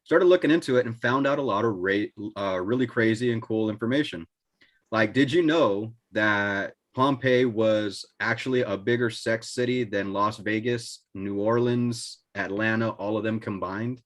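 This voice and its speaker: A man's voice: fairly low pitch, normal speed. A man hosting a casual podcast over a video call, loose and joking. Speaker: host. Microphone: video call mic.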